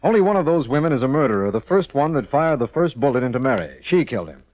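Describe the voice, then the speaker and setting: An actor playing a formal, authoritative district attorney in a 1940s AM radio detective drama. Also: male voice, medium pitch, big pitch swings, fast talker, lightly acted. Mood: matter-of-fact. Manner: formal, declarative. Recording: muffled 1940s AM radio recording.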